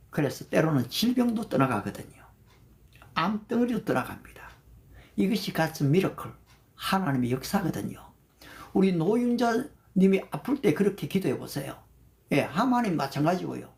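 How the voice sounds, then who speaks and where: Animated older man leading a prayer talk. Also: fairly high pitch, gravelly. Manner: mixes English Bible verses into his talk and thanks viewers by name. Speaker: prayer meeting leader. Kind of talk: livestreamed devotional talk.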